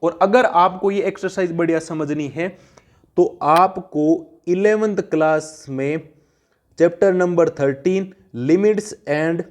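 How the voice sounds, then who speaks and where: A high-voiced man takes students through a classroom math lesson. He keeps asking questions and answers them himself, and he repeats each key point so it sticks. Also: slow, darkish tone. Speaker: math teacher.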